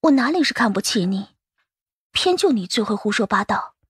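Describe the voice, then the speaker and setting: A man reading an audiobook, voicing a proud, cool young swordswoman who turns shy, with curt, sharp retorts. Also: sits high, very animated, moderate pace, breathy edge, dry recording, studio quality, pitched above the performer's own voice, exaggerated voice. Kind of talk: audiobook character voice.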